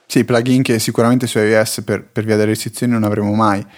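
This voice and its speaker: A man's voice: lowish voice, flat delivery, quick pace, darkish tone. A man hosting a casual tech podcast, asking questions and musing with fillers.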